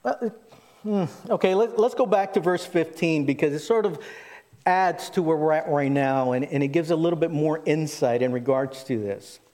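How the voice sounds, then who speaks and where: This sermon of expository Bible preaching comes from a man whose pitch sits fairly high and whose tone is slightly mellow, at a normal speed. Speaking as a pastor into a pulpit mic, he stays conversational but emphatic, repeats phrases and poses rhetorical questions to the congregation. A long echo fills the reverberant hall.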